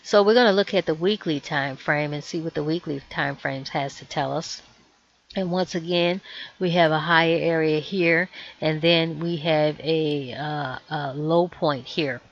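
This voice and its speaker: A woman with a hoarse, fading voice giving a measured, explanatory stock chart tutorial over a screen share, adding cautionary asides. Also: deep voice, steady tone, highs cut off. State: hoarse, losing her voice. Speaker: trading educator.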